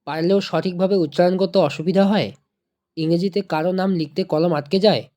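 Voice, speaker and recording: Patient online tutor with a soft, warm tone who talks to viewers like friends and repeats each point. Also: mid-range voice, moderate pace. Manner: patient, repeats and checks understanding; addresses viewers warmly as friends. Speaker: online English teacher. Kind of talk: explanatory video lesson.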